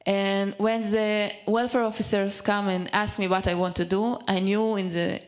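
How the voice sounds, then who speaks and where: A young woman from Israel, a native Hebrew speaker, telling her personal story in halting English, often pausing and restarting as she searches for words. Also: medium pitch, little pitch movement. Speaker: speaker at a community event. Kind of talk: personal testimony.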